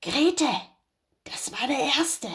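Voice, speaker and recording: A woman's voice: high voice, expressive, takes it slowly, a bit bright, voice pushed up, heavily acted. A woman voicing a simple peasant man who pretends to be a doctor, speaking in an eager, folksy way.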